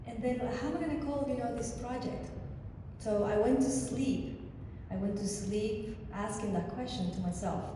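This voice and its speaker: A woman from Chile with a Chilean Spanish accent, a native Spanish speaker, talking casually to an audience as a guest artist, animated, with many restarts. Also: fairly high pitch, moderate pace. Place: church hall. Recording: distant echoey hall with faint noise.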